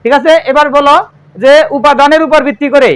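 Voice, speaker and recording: High-voiced fast-talking male math teacher. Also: fairly even intonation, fairly bright tone. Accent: Bangladeshi Bengali. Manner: asks the class questions and repeats their answers. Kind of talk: classroom lesson.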